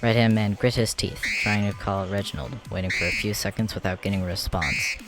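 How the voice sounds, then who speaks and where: Over music, a narrator and voice actor dubs a comic in a dramatic, scripted storytelling style. His voice is lowish and he speaks fairly quickly.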